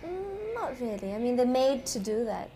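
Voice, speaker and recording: A young woman from Hong Kong, a film actress, answering interview questions in short, soft replies with frequent giggles. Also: on the high side, very animated, normal speed, a little hiss or hum. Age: young adult.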